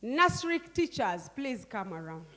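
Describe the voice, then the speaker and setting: A woman's voice: a little high, big pitch swings, unhurried, sharp tone, slight background noise. An older woman leading a group workshop, coaxing and directing people with frequent questioning tags. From Uganda. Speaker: workshop facilitator. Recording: long hall reverb.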